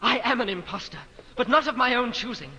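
High, bright, earnest boy king. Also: expressive, brisk, heavily acted. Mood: impassioned. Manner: impassioned, archaic formal diction. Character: earnest, pleading young impostor king, a pauper boy. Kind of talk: theatrical period drama acting. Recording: reverberant hall with faint noise.

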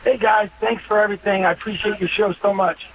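A man's voice: sits high, steady tone, fairly quick, a bit bright. A man in his fifties calling in to a radio show, speaking earnestly and reflectively about faith. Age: 50s. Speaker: caller. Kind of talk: call-in radio talk. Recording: muffled phone-in line with faint noise.

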